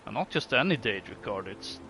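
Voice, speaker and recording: A gaming video host with a low-leaning, animated voice talks briskly through casual let's play commentary. He thinks aloud and muses hesitantly while game music plays.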